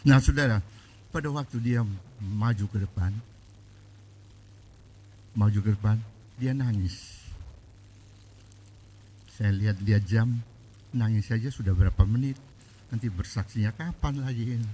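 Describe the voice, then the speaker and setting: A pastor preaching a sermon, telling a story and quoting the people in it. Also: male voice, fairly low pitch, unhurried, pauses often, mellow, a little hiss or hum, low-quality recording. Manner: storytelling, quoting people in their own voices.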